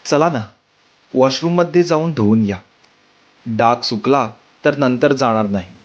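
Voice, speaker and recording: A man voicing a polite young woman at a wedding, soft and apologetic in a storybook reading. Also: medium pitch, measured pace, muffled recording, close to an everyday voice. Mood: friendly.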